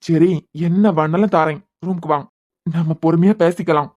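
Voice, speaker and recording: A voice actor playing a young husband in a cartoon serial, with a Kanyakumari Tamil accent, pleading and trying to calm his wife. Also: medium pitch, quick pace, lo-fi sound, lightly acted. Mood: soothing, insistent. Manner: pleading, soothing, insistent.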